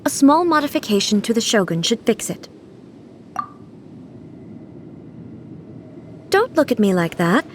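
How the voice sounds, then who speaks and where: An actress voicing an aloof, contemplative woman ruler in a video game cutscene, with formal, measured, stately phrasing. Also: on the high side, very animated, a little hiss or hum. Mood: composed, slightly defensive.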